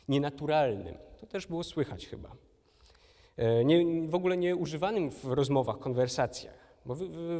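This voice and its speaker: A man's voice: mid-range voice, a little mellow, big-room sound. A man giving a lecture, talking it through with frequent hesitations and restarts. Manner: thinking aloud with hesitations and restarts. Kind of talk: recorded university lecture.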